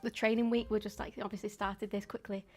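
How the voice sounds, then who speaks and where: Painting on a live stream, this woman in her 20s talks fast in a chatty, meandering way, sprinkling in ums and quiet laughter. Her pitch is medium and her tone level, with gentle background music.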